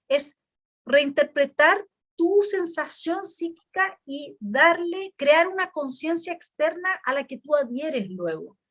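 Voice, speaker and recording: A woman's voice: sits high, a bit bright. A woman, interviewing a guest in a political discussion and building an argument before asking her question.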